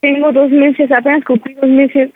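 A woman's voice: high voice, flat delivery, moderate pace, close to an everyday voice. A woman prank-calling on the phone, playing a scared pregnant daughter who pleads and talks over her mother. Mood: pleading. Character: young woman pretending to be two daughters. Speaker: prank caller. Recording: dry tinny phone line.

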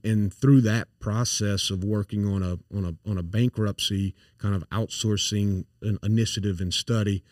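This man is a company founder in his forties with a south Louisiana accent, speaking earnestly and casually as an interview guest, with many fillers and restarts. His voice is on the low side and a little mellow; the sound is dry, echo-free and a bit far from the mic.

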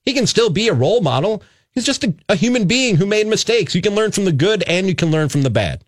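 Higher-voiced American male sports talk host. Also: sing-song, fast talker, no echo, studio quality.

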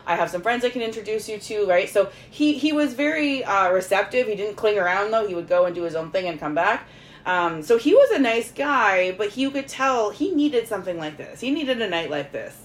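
Animated woman telling a casual story. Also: medium pitch, moderate pace. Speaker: podcast host. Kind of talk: casual storytelling chat among friends.

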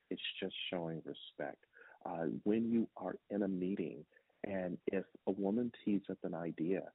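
A man's voice: low-pitched, slightly rough, dry recording. A man guest who speaks as a motivational speaker, earnest and preachy, posing rhetorical questions. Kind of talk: interview answers. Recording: dry tinny phone-like sound.

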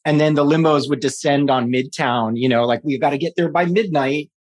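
A New York City man in his forties, with a slightly high voice and a slightly fast pace, talks loosely as a guest in a casual interview. He rambles, restarts often, uses plenty of fillers, and laughs frequently.

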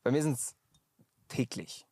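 A man's voice: slow, warm tone, no echo, studio quality. Reflective man in casual chat. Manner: reflective, searching for words. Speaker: podcast guest.

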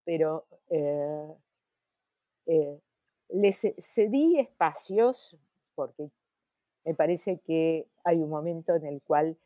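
An older woman with an Argentine accent, an academic guest answering in a podcast interview, thoughtful and full of pauses and restarts. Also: sits low, animated, dark tone, no echo. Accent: Argentine Spanish. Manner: slow, thoughtful, many hesitations and restarts.

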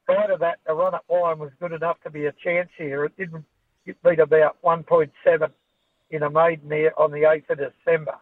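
A man's voice: fairly high pitch, little pitch movement, a little fast, dry recording. An Australian man giving an unscripted horse racing preview as a form analyst over a phone call to a radio show. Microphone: phone call to radio studio. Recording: tinny, band-limited phone line.

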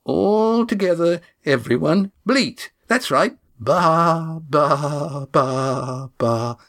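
A man's voice: on the high side, very animated, a little slow, a bit bright, pitched above the performer's own voice. A man reading a story, voicing a cheeky young man with a wry, mocking way of talking.

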